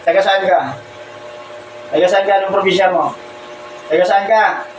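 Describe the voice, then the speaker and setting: A man with a high voice speaks at a moderate pace with fairly even intonation, acting as a folk healer who interrogates someone in a healing ritual with short, demanding questions repeated over and over. The sound is echoey and distant, with loud ambient noise.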